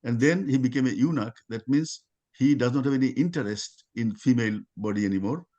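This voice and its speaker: A middle-aged man giving an informal talk at a religious study circle over a video call, part of it read aloud, full of halting restarts and fillers. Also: medium pitch, mellow, dull audio.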